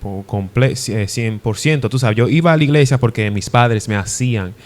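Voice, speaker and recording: In an interview, a young Dominican guest preacher shares his testimony at a normal pace in a mid-range voice. He comes across as earnest yet hesitant, often restarting his sentences.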